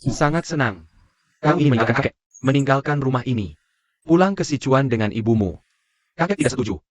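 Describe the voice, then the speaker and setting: A man's voice: medium pitch, lively intonation, fast, dry recording, natural voice. A man dubbing a stubborn, hurt grandfather in a TV drama, arguing and pleading in turn. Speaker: dubbed drama character. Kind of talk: dubbed TV drama acting.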